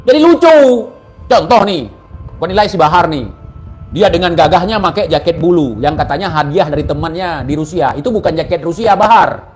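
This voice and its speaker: Male commentator, slightly high pitch, scolding and sarcastic delivery, soft music bed. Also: brisk. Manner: mocking, scolding, rhetorical questions. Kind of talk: casual spoken commentary.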